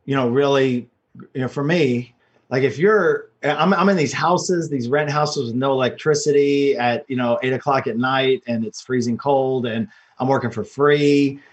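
Husky-voiced man chatting casually. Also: mid-range voice, moderate pace, highs cut off. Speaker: podcast guest, real estate investor. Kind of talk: casual conversational storytelling.

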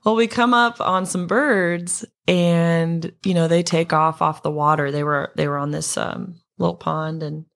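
Slow-talking young woman telling stories. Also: on the low side, steady tone, vocal fry, a bit bright. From Montana. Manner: storytelling with many fillers and restarts. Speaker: singer-songwriter guest. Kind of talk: casual chat.

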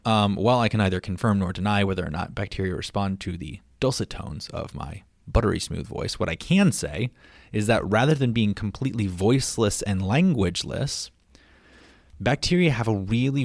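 A man's voice: lowish voice, animated, moderate pace, dry recording, studio quality. A man hosting a casual science podcast, chatty and playful, with frequent ums and asides. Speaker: podcast host.

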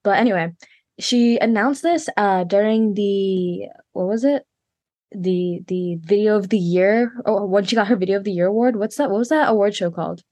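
A woman's voice: medium pitch, normal speed, warm tone, no echo. A woman vlogging in casual chat, rambling with lots of fillers and restarts.

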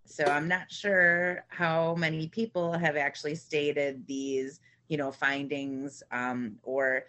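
Low-voiced hesitant woman. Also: little pitch movement, slow pace, fairly bright tone. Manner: hesitant, hedging with fillers. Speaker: podcast co-host. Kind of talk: casual chat.

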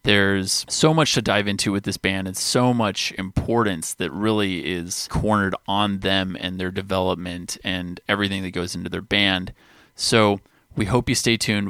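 A man's voice: sits low, fairly even intonation, moderate pace, a bit bright, no room sound, studio quality. A man co-hosting a music podcast, chatting casually with amused enthusiasm and frequent fillers. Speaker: podcast co-host. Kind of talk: casual chat.

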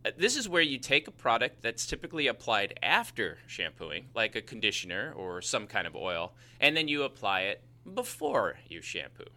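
A man co-hosting a podcast, chatting in a loose, rambling way with a self-mocking chuckle. His voice swings widely in pitch and has a very bright, tense edge. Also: wildly swooping pitch, normal speed, hardly any pauses. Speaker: podcast co-host. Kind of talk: casual chat.

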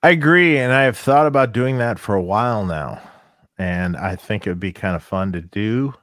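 A man's voice: fairly low pitch, moderate pace, a bit bright, dry recording, studio quality. A man co-hosting a casual podcast, thinking aloud about gear and products with many fillers. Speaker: co-host and gear maker.

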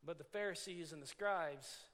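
A man's voice: fairly high pitch, normal speed. A man. He acts out the scene and repeats lines for emphasis. His voice rings with a long reverb, as in a large hall. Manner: animated preaching, acting out scenes, repeating phrases for emphasis. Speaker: preacher. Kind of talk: sermon.

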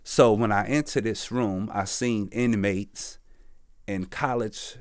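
A former prisoner recalling his time inside in a halting interview, full of "you know", and reading his own poem. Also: fairly low pitch, no room sound, clean studio sound. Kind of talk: interview recollection and poetry reading.

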